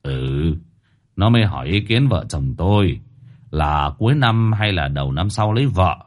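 A man's voice: deep voice, lively intonation, normal speed. A man voicing an anxious middle-aged father who stammers and pleads, in an audio story. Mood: grumbling.

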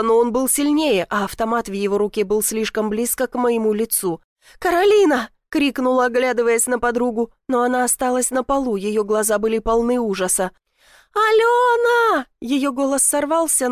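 A woman's voice: on the high side, no room sound, studio quality. A woman reading a first-person novel aloud, telling it tensely and dramatically. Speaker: audiobook narrator.

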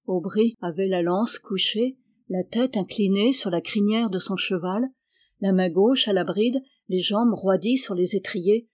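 A reader narrating a nineteenth-century adventure novel in an even, measured delivery. The voice sits in a middle register with calm pacing. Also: mid-range voice. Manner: steady measured reading. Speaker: audiobook reader.

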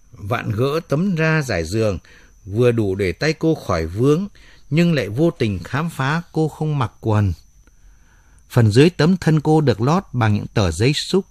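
Male narrator, audiobook story, dramatic, animated pitch, dry close mic. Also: unhurried, no room sound.

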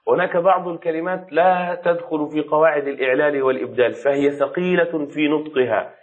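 A sheikh teaching a lesson, with a voice pitched a little high for a man. He explains patiently, repeats key words and keeps checking that the listener understands. The recording sounds dull and lo-fi. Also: fast. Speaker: sheikh teaching Arabic rhetoric. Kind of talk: classroom lesson.

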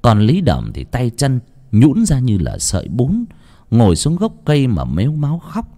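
A man's voice: mid-range voice, wildly swooping pitch, moderate pace, dark tone. A man narrating a horror folk tale in a dramatic, vivid way. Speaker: storyteller.

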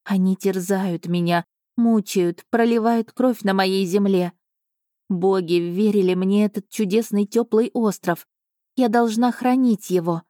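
An ancient female spirit of an island pleads in a slow, solemn audiobook voice, put on by a woman narrator. The tone is mellow and dark, recorded close and dry. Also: mid-range voice, steady tone, no room sound, close to an everyday voice. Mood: tearful imploring. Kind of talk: audiobook reading.

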